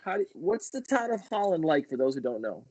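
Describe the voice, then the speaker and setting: A man's voice: a little high, big pitch swings, brisk, mellow, no echo, low-quality recording. A man hosting a casual livestream interview, chatty and eager, often restarting his sentences. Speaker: host.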